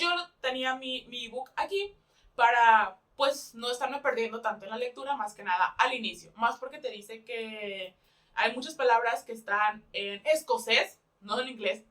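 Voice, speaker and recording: A woman's voice: high voice, fairly bright tone, distant mic. A young woman with a Mexican accent in a casual book review chat, talking in a chatty way, often laughing and rephrasing herself.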